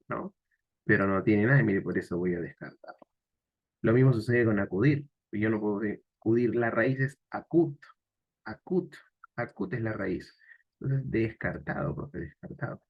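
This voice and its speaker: A man's voice: lowish voice, gravelly. A man who teaches language and walks through exam answers, explaining step by step and often adding rhetorical asides. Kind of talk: exam solution walkthrough. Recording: dull lo-fi recording.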